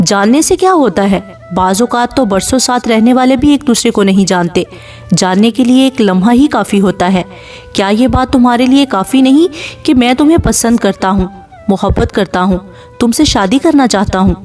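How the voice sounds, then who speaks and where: A woman voicing a persistent young man on the phone who talks in a calm, coaxing way. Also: on the high side, far from the mic, soft background music, natural voice. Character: persistent young man caller, smooth and insistent.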